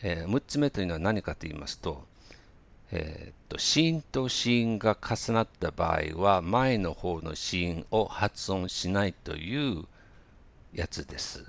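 A man teaching English pronunciation in a relaxed spoken lesson, pausing often with fillers and slowly demonstrating phrases for listeners to repeat. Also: low voice, gravelly. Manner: hesitant, many fillers, slow drilled demonstrations.

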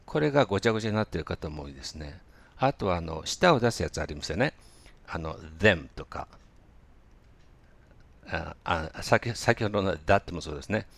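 A man gives a relaxed pronunciation lesson in a very deep voice full of vocal fry. He hesitates often with fillers, then slows right down to model phrases for listeners to repeat. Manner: hesitant, many fillers, slow drilled demonstrations. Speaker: English pronunciation teacher.

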